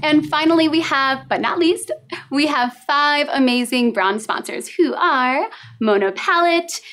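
A woman's voice: high-pitched, measured pace, a bit bright. A young woman, co-director of a community theatre group, giving an upbeat introduction to a streamed play.

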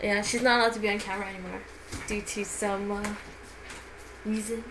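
In her home kitchen, a young woman in her twenties chats casually through a baking recipe, full of fillers and restarts. Her medium-pitched voice moves little in pitch and is fairly quick, with background noise present.

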